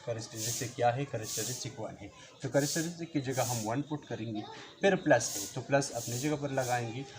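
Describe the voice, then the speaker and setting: A man teaching a math lesson, explaining slowly, repeating each step and counting aloud. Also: medium pitch. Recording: noticeable background noise.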